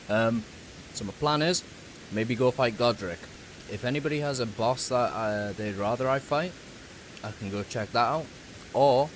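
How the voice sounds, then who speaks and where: A man's voice: fairly low pitch, noisy background. A man streaming a video game, talking casually to his viewers in a chatty, easygoing way with apologetic asides. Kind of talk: casual live-stream chat while gaming.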